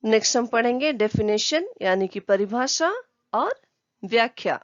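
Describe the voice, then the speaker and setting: A woman's voice: on the high side, lively intonation, normal speed, dry recording, lo-fi sound. A woman teacher giving a lesson to children, explaining patiently step by step.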